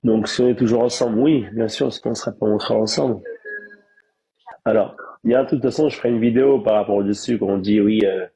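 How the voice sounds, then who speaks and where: A man's voice: lowish voice, steady tone, quick pace, warm tone, breathy edge, low-quality recording. A young man with a congested, blocked-nose voice, chatting casually on a live stream and explaining himself emphatically with repeated rhetorical questions. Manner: repetitive, emphatic self-justification with rhetorical questions. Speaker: live-stream host, reality show participant.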